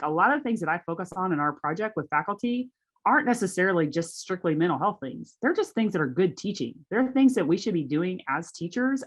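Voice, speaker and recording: A woman, giving a casual workshop presentation on a video call, chatty and conversational. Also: fairly low pitch.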